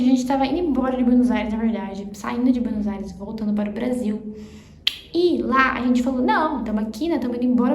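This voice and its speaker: A woman's voice: on the high side, darkish tone. A young woman giving a chatty, casual language lesson, laughing and exaggerating pronunciation drills. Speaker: Spanish teacher. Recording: roomy echo, faint ambience.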